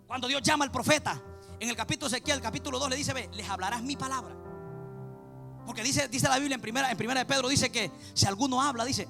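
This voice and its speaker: A man's voice: extremely high pitch, vocal fry. A man preaching a fervent sermon in Spanish, repeating phrases and calling out to his beloved brothers. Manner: fervent, repetitive, addresses listeners as beloved brother.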